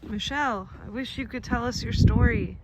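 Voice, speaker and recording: A young Russian woman, a native Russian speaker, does a casual walk-and-talk vlog outdoors on a campus, chatting to her viewers and laughing often. Her voice is fairly high and her pace moderate, with heavy noise in the background.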